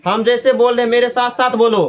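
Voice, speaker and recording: A male English teacher drilling sentence patterns in a classroom, brisk and repetitive, firing rhetorical questions at his students. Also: very high-pitched, flat delivery. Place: classroom with children. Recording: noisy classroom with children's chorus.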